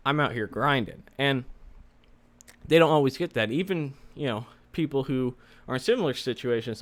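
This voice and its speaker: Man with slightly slurred, retainer-muffled speech. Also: mid-range voice. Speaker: host, software developer giving career advice. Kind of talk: casual advice vlog.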